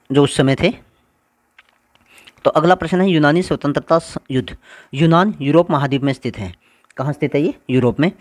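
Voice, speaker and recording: A man's voice: a little high, no room sound, clean studio sound. A male teacher giving an exam-prep lecture over slides, explaining step by step and answering his own questions.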